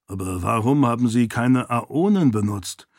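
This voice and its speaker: A man voicing a calm, wry male companion who speaks in a slow, matter-of-fact way, in an audiobook. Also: medium pitch, no echo, clean studio sound.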